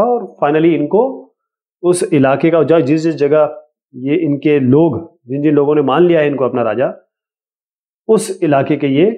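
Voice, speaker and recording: Male teacher, casual explainer, slightly high voice, tinny phone-like recording. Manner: casual, explanatory, reads questions slowly. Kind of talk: explaining an exam lesson.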